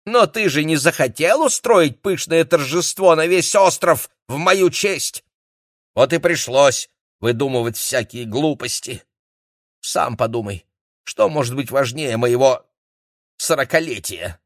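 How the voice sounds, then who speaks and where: Man doing a snooty scheming lady, high and snappy, full of herself. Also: lively intonation, unhurried, fairly bright tone, no room sound, studio quality. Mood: haughty. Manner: snappish, haughty. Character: scheming vain middle-aged woman.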